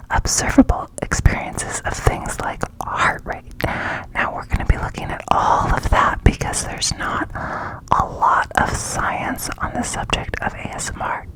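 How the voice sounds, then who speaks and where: An ASMR host speaks in a breathy, cupped whisper close to the mic, explaining things in an informal, unscripted ramble. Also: rough recording. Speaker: ASMR host introducing an educational series.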